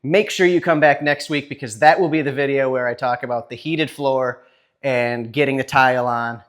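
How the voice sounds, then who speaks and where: A man's voice: mid-range voice, normal speed. A man hosting a woodworking channel, casually showing cabinet work while filming one-handed, chatty and talking to himself now and then. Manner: relaxed, chatty, self-talk while filming.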